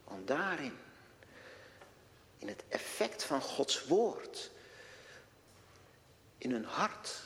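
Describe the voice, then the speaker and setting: A man preaching a sermon in a church, slow and deliberate, posing rhetorical questions to his congregation. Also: fairly high pitch. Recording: long reverb of a church hall.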